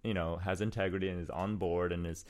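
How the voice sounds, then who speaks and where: A man's voice: low-pitched, steady tone, fast talker, a little mellow. A man hosting a casual interview, explaining at length in a rambling way with many restarts. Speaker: host.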